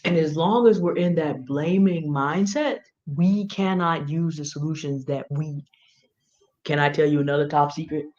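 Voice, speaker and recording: An online show's co-host speaks straight to viewers with informal, emphatic, confiding commentary, repeating words for effect. Her voice is low and darkish at a normal speed, and the audio is dull and lo-fi.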